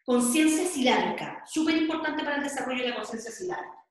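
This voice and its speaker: Chilean woman teacher, high and unhurried, patient lecturing, very echoey room. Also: animated. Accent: Chilean Spanish. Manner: explains patiently, adding "¿cierto?" and "¿ya?" to check in. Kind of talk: online class lecture.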